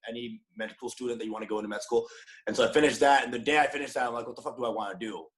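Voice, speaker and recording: A man in his thirties from Dallas, a guest comedian chatting casually on a podcast, energetic, joking and profane. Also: mid-range voice, very fast, low-quality recording. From Dallas, USA.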